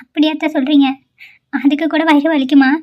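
A woman's voice: high-pitched, little pitch movement, brisk, darkish tone, lo-fi sound, lightly acted. A woman voicing a frightened young newlywed wife in a cartoon, pleading and apologetic as she cries. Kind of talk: cartoon voice acting.

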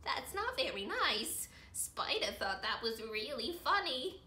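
A woman's voice: high voice, big pitch swings, unhurried, sharp tone, reverberant. An older woman, a grandmother, reading a children's story aloud with playful gasps and call-and-response prompts for young listeners. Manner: playful, gasping, coaxing listeners to join in.

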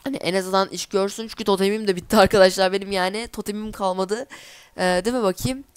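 A woman in a casual let's-play, chatting away to herself and her viewers as she plays. She is quick to get exasperated when things go wrong. Her voice is smooth and clean, recorded close and dry with no room sound. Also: mid-range voice, fairly even intonation, no echo. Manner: chatty, easily exasperated, talks to herself while playing. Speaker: gameplay commentator.

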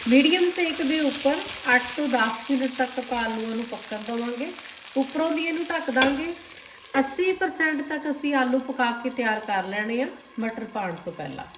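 Woman with a Punjabi accent explaining a recipe. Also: a little high. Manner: calm, explanatory, addresses viewers directly. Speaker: cooking channel host. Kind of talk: step-by-step cooking instruction. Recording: echoey kitchen with faint noise. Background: sizzling and stirring of food.

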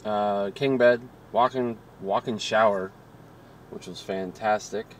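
A man in his thirties co-hosting a casual road-trip vlog, chatty and excitable, filmed on a handheld phone in a car and an arcade. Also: lowish voice, slow pace, a little hiss or hum. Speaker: vlog co-host. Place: inside a car, then a loud arcade. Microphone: handheld phone camera at arm's length.

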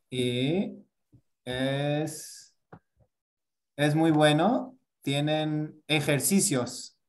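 A man teaching a casual grammar lesson, explaining patiently with many fillers and checking in with tag questions. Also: mid-range voice. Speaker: Spanish teacher.

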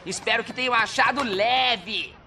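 A man with a Brazilian accent voicing a lively, restless, wisecracking zebra in an animated film dub, playful and slangy. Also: very high voice, a little slow.

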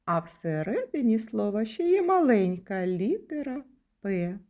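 A woman's voice: medium pitch, sing-song, measured pace, darkish tone. A woman teaching young children in a patient, sing-song way, lifting her voice on key words. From Ukraine. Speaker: kindergarten teacher.

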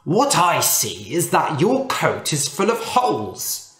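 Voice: mid-range voice, wildly swooping pitch, slow pace, fairly bright tone, full character voice. A storyteller voicing an eager, insistent rich man who is easily fooled, heard in a roomy echo. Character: gullible rich man in fur coat.

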